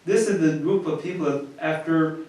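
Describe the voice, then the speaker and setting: In a very echoey room and far from the microphone, a U.S. priest talks about marriage in a plain, conversational way. His fairly high voice is slightly mellow and moves at a moderate pace, and he repeats words as he restarts his sentences.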